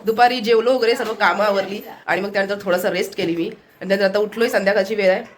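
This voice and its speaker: A woman vlogger with a Konkan Marathi accent narrates a casual daily vlog inside her family home, chatting away and showing things to the camera. Her medium-pitched voice holds a steady tone as she races along.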